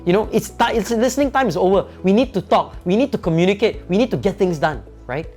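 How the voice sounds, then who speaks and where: Guy giving a leadership pep talk, lively swinging voice, faint music in back. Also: high voice, fast. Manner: animated, emphatic, frequent tag questions. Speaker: company founder and leadership speaker. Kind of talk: motivational talk.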